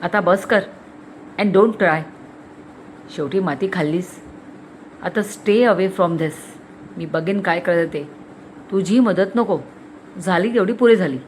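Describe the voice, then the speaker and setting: A woman's voice: fairly low pitch, slow, pauses often, a little mellow, slight background noise, rough recording. Woman playing a stern, cold father. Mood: dismissive. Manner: cold, scolding, harsh. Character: stern cold-tempered middle-aged father.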